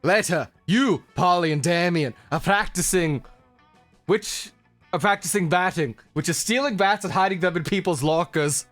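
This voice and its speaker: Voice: medium pitch, moderate pace, a bit bright, soft background music. A streamer narrating a dating game aloud, playful and cursing in asides.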